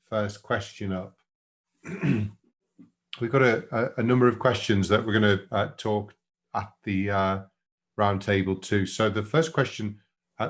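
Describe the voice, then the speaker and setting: Lowish-voiced guy hosting a webinar, upbeat, lots of uhs. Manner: upbeat, quick to praise, many fillers. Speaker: seminar moderator. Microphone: video call.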